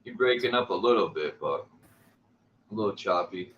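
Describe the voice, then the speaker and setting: A man's voice: lowish voice, lively intonation, moderate pace, a bit bright, highs cut off. A man calling into a livestream over a video call that keeps breaking up. He talks bluntly and swears freely. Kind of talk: casual chat. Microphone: remote call connection, headphones.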